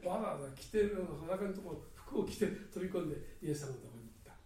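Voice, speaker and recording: A man preaching a sermon earnestly, swinging between loud and hushed delivery. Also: high-pitched, animated, fast talker. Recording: echoey hall, mic at a distance.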